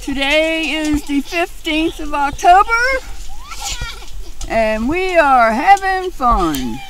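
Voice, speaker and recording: Giggly high woman on old camcorder audio. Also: very animated, takes it slowly, fairly bright tone, a little hiss or hum. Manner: giggly, cheering on kids. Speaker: home video camera operator. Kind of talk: casual family home video. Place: backyard outdoors. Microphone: camcorder built-in mic.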